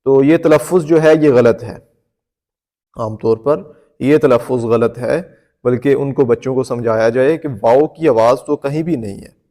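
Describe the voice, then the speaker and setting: A man's voice: mid-range voice, dark tone. A male Quran teacher explaining a recitation lesson patiently, repeating his points and checking in with the listener. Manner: breaks into slow melodic recitation to demonstrate.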